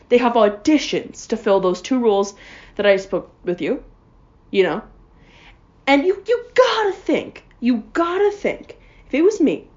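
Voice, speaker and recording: A young adult woman delivers a casual comedic rant that is sarcastic and rambling, packed with "like" and "um." Her voice is a little high and the sound is lo-fi.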